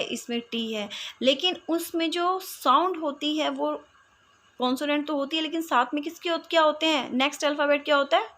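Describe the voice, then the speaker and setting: A woman teacher with a high, bright voice explains figures of speech at an unhurried pace. She speaks with an Indian English accent, checks in with her students often, and draws out the example lines slowly and clearly. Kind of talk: classroom explanation.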